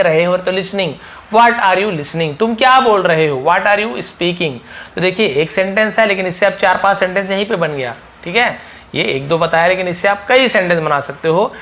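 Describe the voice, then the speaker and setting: A man's voice: sits high, fairly bright tone. A man teaching spoken English in a casual lesson, repeating each phrase and asking rhetorical questions.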